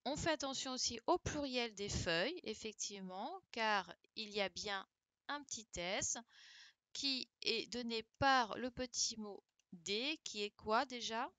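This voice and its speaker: A woman teacher correcting a dictation live for her pupils, patient and encouraging, reading words out slowly. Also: on the high side, pushed and bright, no echo. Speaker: primary school teacher.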